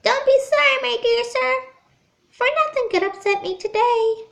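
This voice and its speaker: Tiny elated old man with a high squeaky voice, put on by a woman reading a storybook. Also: moderate pace, gravelly, exaggerated voice. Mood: overjoyed. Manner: exuberant, excited.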